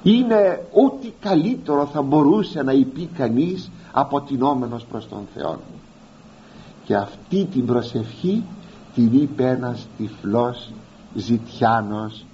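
A man preaching a sermon, speaking straight to his listeners and slowly drawing out the words he wants to stress. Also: medium pitch, expressive, mellow, muffled recording, a little hiss or hum. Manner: addresses listeners directly as "beloved".

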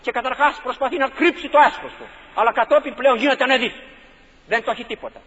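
A man's voice: very high-pitched, sharp tone, breathy edge. A man preaching a fervent sermon, repeating his phrases for emphasis and asking rhetorical questions. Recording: dull lo-fi recording with long hall reverb.

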